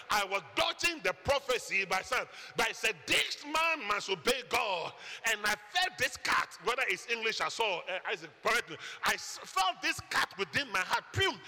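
A Ghanaian man preaching a sermon testimony, telling his story with lively quoted voices. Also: high voice. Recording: echoey hall reverb.

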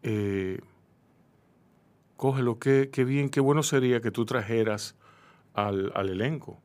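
Playful radio host. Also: male voice, medium pitch, measured pace, darkish tone. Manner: playful, interjects often. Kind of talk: casual radio interview.

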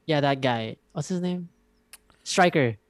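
A young man, co-hosting a casual podcast chat, rambling and animated and swearing freely. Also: a little high, a little slow, no echo. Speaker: podcast co-host.

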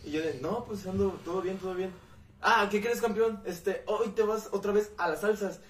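Recorded from some distance in a roomy space, a young Mexican-accented man shares a story with friends at a moderate pace. His voice is high, and he's animated, cursing freely and performing the other characters' lines.

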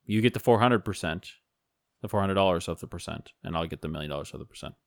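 A man hosting a podcast who asks dry, deadpan questions while playing a talent agent. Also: sits low, fast talker, vocal fry, no echo. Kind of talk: casual podcast banter.

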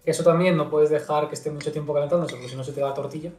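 A young man from Galicia co-hosting a podcast, animated and jokey, gesturing as he talks. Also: a little high, racing. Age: young adult. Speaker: podcast co-host. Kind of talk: casual chat. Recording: roomy echo with faint music.

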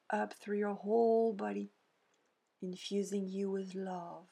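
A woman guides a scripted meditation in a soft, breathy voice close to a whisper, gently soothing, pausing between short phrases. Her voice is mid-range.

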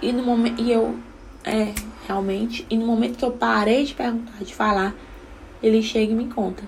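A woman's voice: fairly high pitch, fairly even intonation, normal speed, creaky, darkish tone, slight background noise, poor audio. A young mother tells a personal story in a casual way and acts out what she said to her son.

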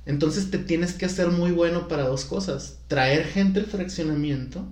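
A man's voice: fairly high pitch, moderate pace, darkish tone, reverberant. A man from Culiacán, chatting casually as a podcast co-host and explaining at length. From Culiacán, Mexico. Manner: chatty, explanatory, laughs easily. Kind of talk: casual chat.

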